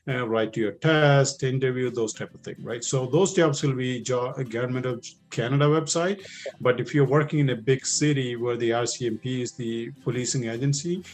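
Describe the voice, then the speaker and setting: In an informal Q&A with recruits, a medium-pitched, middle-aged policeman with a heavy Indian accent responds loosely. He restarts sentences and fills his answers with filler words.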